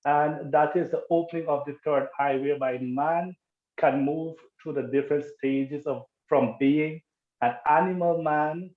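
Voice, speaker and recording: Guyanese pandit guy, humble n formal, slow talker, echoey tinny call audio. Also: a little high, steady tone. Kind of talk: formal interview answers.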